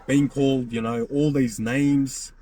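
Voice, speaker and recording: Emphatic man, warm low tone. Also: fairly even intonation, a little slow, slight background noise. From Australia. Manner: emphatic, repetitive, keeps asking "right?". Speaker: podcast host. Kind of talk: candid personal monologue.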